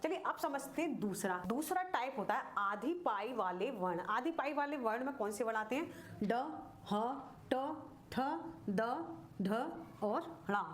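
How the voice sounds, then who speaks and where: A woman teaching Hindi writing, slowly repeating each word and quizzing the viewer with questions. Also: a little high, animated, slight background noise. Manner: slow, repeats words and asks questions to the viewer. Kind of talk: classroom-style grammar lesson.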